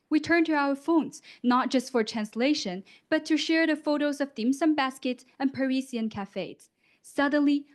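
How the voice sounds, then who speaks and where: Here a student contestant, a young adult woman whose voice sits high, presents a prepared speech for a competition. She comes from Guangdong, China, with Cantonese as her first language, and her rehearsed delivery is expressive and full of rhetorical questions.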